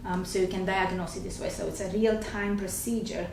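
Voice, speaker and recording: On a talk show, a middle-aged Romanian gastroenterologist with a Romanian accent explains carefully, dotting her speech with hesitant fillers. Her mid-range voice is steady in tone, fairly quick, with vocal fry. The recording picks up faint noise, a distant mic and an echoey room.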